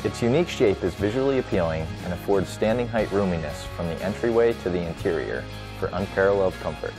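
A man reading a scripted promotional voice-over with a smooth, polished delivery. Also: low voice. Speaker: product narrator. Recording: voice-over with light music underneath.

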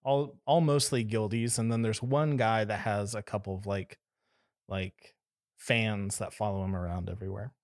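Casual laughing game master, dry sound. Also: male voice, fairly low pitch, fairly even intonation, normal speed, no room sound. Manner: casual, laughing often, many fillers. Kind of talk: narrating a tabletop game.

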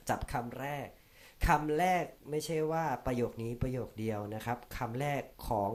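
A man's voice: mid-range voice, a little mellow. A man teaching exam listening techniques in a casual, chatty way, often repeating polite sentence particles. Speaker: language teacher. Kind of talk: casual explanatory lesson.

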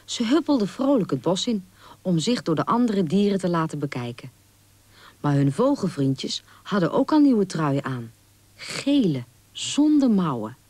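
A woman narrating a children's storybook gently and expressively. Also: fairly low pitch, a little slow, no echo. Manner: gentle, expressive, does small character voices in quotes.

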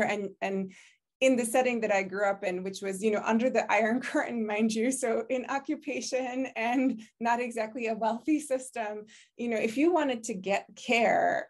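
A woman's voice: medium pitch, fairly even intonation, moderate pace. A woman from Hungary with a Hungarian accent, English not her first language, recalling her story in a reflective oral history interview over a video call, filling her talk with "you know.". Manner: reflective, frequent "you know", laughs easily. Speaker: interviewee, public health professor. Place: home office, virtual background.

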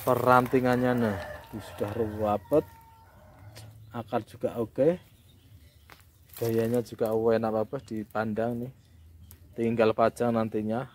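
In the outdoor yard of a village nursery, a man with a Javanese accent hosts a casual showcase of bonsai trees for sale, his patter enthusiastic and full of exclamations. Yet his mid-range voice is flat and unhurried, with long pauses. Roosters crow and birds call in the background.

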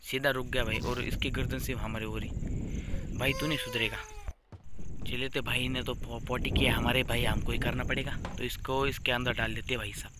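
A man's voice: medium pitch, flat delivery, a little fast, hardly any pauses, noisy background. A young man giving casual, joking gameplay commentary as a gaming YouTuber, teasing the baby on screen.

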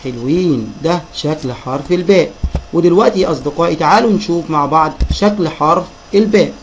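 A man with an Egyptian Arabic accent teaching a children's reading lesson, sounding out syllables slowly and addressing the kids as friends. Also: on the high side, slight background noise, poor audio.

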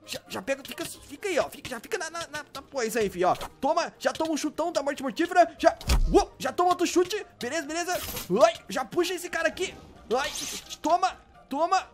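A young man doing excited Minecraft role-play commentary, exclaiming and repeating words as he plays. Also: very high voice, a little fast, music in the background. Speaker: gaming YouTuber.

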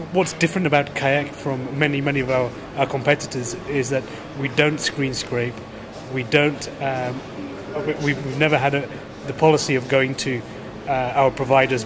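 A man in his thirties, a company executive giving a conference interview in a measured, polished way, often restarting words. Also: mid-range voice. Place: large indoor conference hall. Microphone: handheld camera close to the face.

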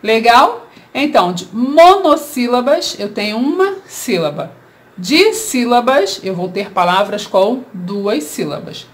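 A Brazilian woman teaching a grammar lesson to children, her fairly high voice rising and falling a lot. She takes her time, breaking words into syllables and checking in with questions. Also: very animated. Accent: Brazilian Portuguese. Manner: slow, syllable-by-syllable explaining with rhetorical questions.

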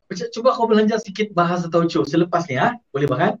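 Male co-host, Sabah Malaysian, slightly high voice. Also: animated, quick pace, recorded from a distance, a crowd in the background. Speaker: radio co-host. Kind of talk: casual banter. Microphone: studio microphone with headphones. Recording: dull stream with faint noise.

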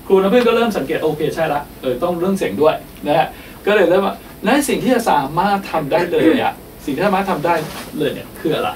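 A man's voice: high voice, far from the mic, a little hiss or hum. A man leading a teacher-training workshop, explaining the steps and checking in often with his listeners. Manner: explains with repeated checking questions.

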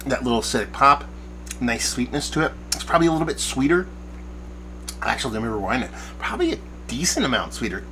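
A man's voice: medium pitch, sing-song, fast talker, bright, forceful tone, low-quality recording. A man in his forties talks through a beer tasting at his desk, rambling and searching for the right word as he goes. His voice sits in a middle register. A faint hum runs underneath. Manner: rambling, searching for words, enthusiastic. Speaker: beer reviewer. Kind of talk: casual beer review to camera. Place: backyard shed studio at night, small room.

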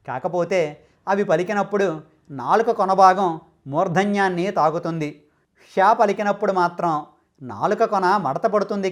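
A man giving a scripted, carefully enunciated explanation of how to pronounce sacred chants. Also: high-pitched. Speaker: channel host explaining mantra pronunciation.

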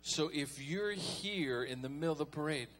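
A man's voice: on the high side, normal speed, fairly bright tone, a little hiss or hum. A man preaching a folksy, conversational sermon as pastor, calling on the congregation to respond.

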